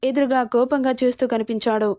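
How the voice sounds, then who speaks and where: A woman reading a romance story aloud in a steady, expressive narration. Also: fairly high pitch, fast, no room sound, studio quality.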